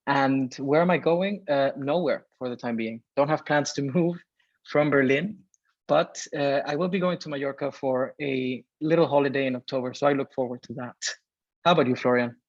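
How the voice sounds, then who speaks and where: Hosting a live webinar over video call, a Venezuelan man in his thirties chats away, relying on fillers as he reads the chat. He is in a home or office room in Berlin, speaking in a mid-range voice at a moderate pace, and the recording is dull and dry.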